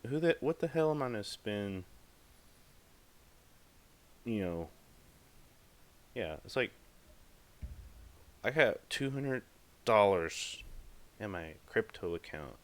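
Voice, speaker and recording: A man hosting a podcast, talking casually in a rambling, emphatic way with lots of fillers. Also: on the low side. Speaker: podcast host. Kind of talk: casual monologue.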